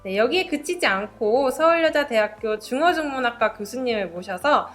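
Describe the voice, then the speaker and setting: A woman's voice: a little high, animated, moderate pace, soft background music. A young woman, a student presenter, speaking in a polite, scripted presentation style. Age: young adult.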